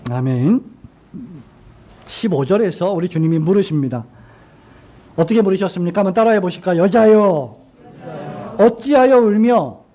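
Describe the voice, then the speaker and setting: A middle-aged male pastor preaching a sermon, asking the congregation questions and slowing down to quote scripture gently. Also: high voice. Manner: asks the congregation questions and has them repeat lines; slows down and drops his voice when quoting Jesus.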